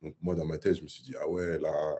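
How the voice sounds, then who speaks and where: A young man in his twenties, a guest in a casual interview, telling a story in a lively way with sound effects and many fillers. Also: very deep voice, fairly quick, husky. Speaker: guest basketball player.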